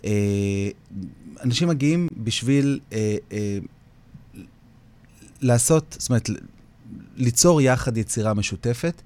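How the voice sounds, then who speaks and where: A man's voice: medium pitch, lively intonation, long pauses, darkish tone, clear, resonant tone. A man with an Israeli accent, the founder of a community singing project, talking in an interview in an earnest way and repeating phrases for emphasis. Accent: Israeli Hebrew. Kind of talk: interview, reflective talk.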